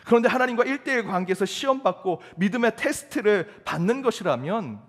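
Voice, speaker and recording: A man's voice: high voice, animated, a little fast. A man preaching a sermon as pastor in a church sanctuary, with emphatic delivery and rhetorical questions. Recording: long reverb of a church hall.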